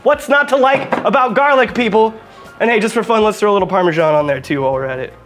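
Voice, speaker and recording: A man with a high-pitched voice hosts a casual cooking demonstration, talking straight to the viewer in a chatty, jokey way. Faint music plays quietly behind him. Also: quick pace. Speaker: cooking show host.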